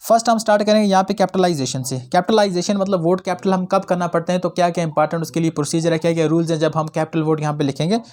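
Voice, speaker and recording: Young guy doing a grammar lesson, kinda high voice, keeps going "theek hai na". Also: darkish tone. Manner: explains in Hindi-English mix, repeats "ठीक है ना". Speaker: English grammar teacher.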